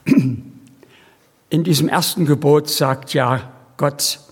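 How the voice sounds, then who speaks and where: A man preaching a sermon slowly and emphatically, with homely asides to his congregation. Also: a little high, fairly even intonation, slightly rough, in a large hall.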